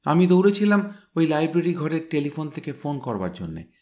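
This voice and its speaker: A man reading a story aloud, voicing a smart young woman who briskly recounts a crime scene. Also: fairly high pitch, very animated, a little mellow, pitched above the performer's own voice. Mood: animated, brisk.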